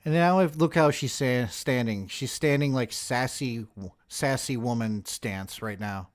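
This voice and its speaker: A man in his forties hosts a reaction video, offering casual, profane, mocking commentary on the footage along with joking asides. He speaks in a medium pitch at a measured pace.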